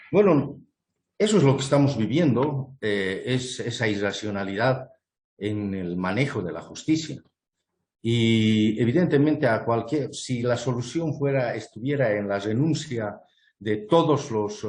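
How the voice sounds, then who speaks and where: A man's voice: medium pitch, darkish tone, echoey room. A man, a guest speaker making an earnest, argumentative case in an online panel talk, with many fillers and restarts. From Bolivia. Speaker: guest speaker presenting a proposal.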